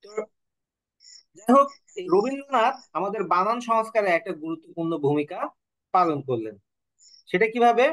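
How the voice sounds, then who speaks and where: A man's voice: sits high, lively intonation, moderate pace, pauses often, fairly bright tone, rough recording. A man teaching an online class, asking questions and answering them himself, sometimes correcting himself. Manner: corrects himself mid-sentence. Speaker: Bengali teacher.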